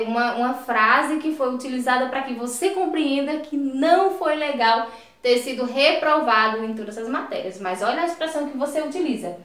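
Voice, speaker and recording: A woman teacher explaining a lesson slowly and patiently, stretching key words and checking in with short questions to the listener. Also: high voice, a bit bright. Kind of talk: recorded lesson. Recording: echoey room.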